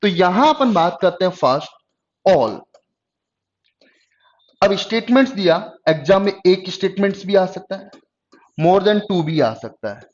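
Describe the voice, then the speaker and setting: A male tutor giving an exam-prep lecture in Hindi with English phrases, dictating slowly and often checking whether students have understood. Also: high-pitched, lively intonation. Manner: slow, drawn-out dictation of English phrases, frequent "got it?" checks. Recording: dull lo-fi lecture audio.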